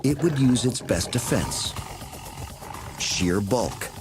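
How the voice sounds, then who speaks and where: A man's voice: medium pitch, lively intonation, takes it slowly. A man narrating a nature documentary from a script, with dramatic storytelling delivery. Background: music under the voice.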